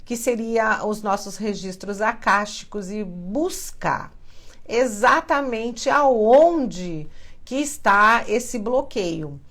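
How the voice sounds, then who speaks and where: A woman with a Brazilian Portuguese accent, hosting a live stream and teaching in a chatty, animated way, often acting out quoted voices. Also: mid-range voice. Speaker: spiritual live-stream host. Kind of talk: casual teaching to a live audience.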